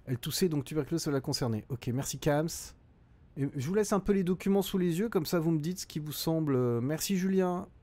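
A man's voice: fairly high pitch, expressive, a little fast, warm tone, no echo. A middle-aged man streaming a game live, reading out chat and thinking aloud with frequent hesitations.

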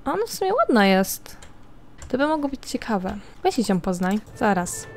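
A woman's voice: a little high, very animated, normal speed, music in the background. A woman giving casual commentary over a life-simulation game, chatting to her characters and to viewers. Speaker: gameplay commentator. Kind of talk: casual let's-play commentary.

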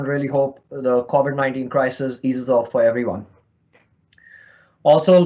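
Over an online call on a remote call mic, a man from India with a slight Indian accent presents a virtual conference session in a friendly, explanatory manner. His mid-range voice sounds a little mellow, and the recording is muffled.

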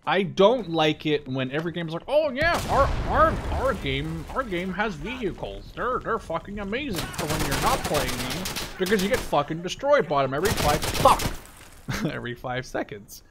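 Fairly high and sing-song, a man's voice moves at a moderate pace against a noisy background. As a gaming YouTuber he rambles loosely over gameplay and strays from the point, while shooter gunfire, artillery and explosions crash loudly.

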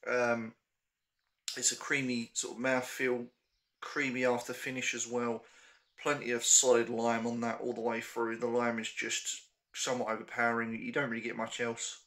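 A man's voice: medium pitch, a bit bright. A young man chatting casually to camera in a small room as he reviews a beer, hesitant with frequent ums.

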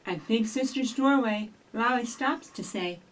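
Unhurried and on the high side, a middle-aged woman presents storytime to young children, talking and reading aloud with direct encouragement. She works as a children's librarian, and the recording comes from a distant microphone in a small shelved office with slight background noise.

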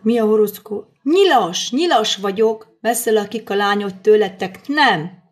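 A middle-aged woman chatting on a live stream while cooking in her daughter's kitchen, answering and thanking viewers as she works. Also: mid-range voice. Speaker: livestream host. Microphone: phone camera.

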